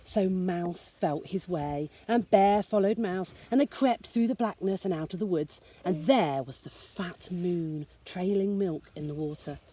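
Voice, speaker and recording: A woman teacher reading a picture book aloud to a child, expressive and soft-spoken. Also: fairly low pitch, unhurried, few pauses.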